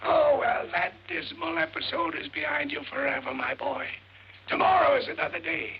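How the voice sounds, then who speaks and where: An actor playing a cranky older uncle in a 1940s film, who has lost his voice and croaks hoarsely through his lines. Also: extremely high pitch, steady tone, normal speed, heavily acted. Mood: gruff, grumbling. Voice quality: croaky, gravelly. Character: gruff older man, hoarse, feuding and cranky. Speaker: irritable rich uncle. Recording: muffled old film soundtrack.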